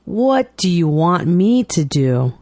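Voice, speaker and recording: Woman, lower voice, very slow and carefully enunciated, bouncy intonation, dry close recording; scripted learner dialogues. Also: sing-song, dark tone, no echo. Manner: clear, deliberate enunciation. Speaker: dialogue reader for English learners.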